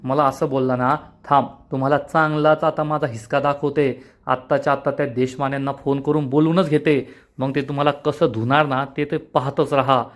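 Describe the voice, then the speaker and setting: A man voicing an angry, quarrelsome aunt who scolds and threatens in quick retorts. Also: medium pitch, flat delivery, natural voice. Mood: angry, scolding. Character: quarrelsome aunt, woman, angry and sharp-tongued.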